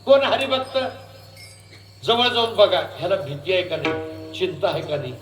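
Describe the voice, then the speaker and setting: This devotional kirtan sermon comes from a man whose voice sits high, moving from sung verses into spoken preaching at normal speed. He asks the listeners lively questions, and the echoing recording has music underneath.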